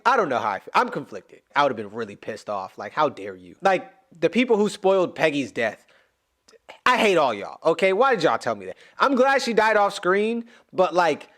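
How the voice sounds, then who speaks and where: A man with a fairly high voice that swings widely in pitch, talking through his reaction to a musical. He sounds animated and emotional, often exclaiming and rambling from one thought to the next. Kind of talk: casual reaction commentary.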